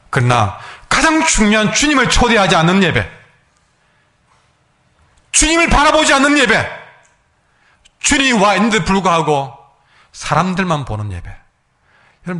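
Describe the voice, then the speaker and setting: A man preaches a sermon in a high voice that swoops up and down. He is emphatic and acts out the voices of his congregation. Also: a bit bright. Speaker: pastor.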